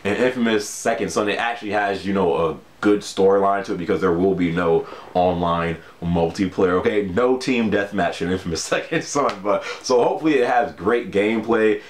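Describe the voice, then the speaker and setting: A man's voice: fairly low pitch, normal speed, few pauses, reverberant. A man vlogging casually about video games, chatting loosely with lots of fillers and frequent laughs. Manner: laid-back, laughs often, many fillers like "you know". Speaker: gaming vlogger. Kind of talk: casual talk to camera.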